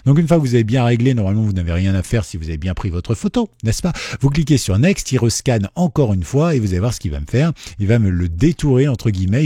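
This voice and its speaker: Male tutorial host: dark, slightly husky tone, chatty and self-deprecating, dry recording. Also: lowish voice, no room sound. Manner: jokey, self-mocking, chatty. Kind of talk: casual screen-recorded tutorial.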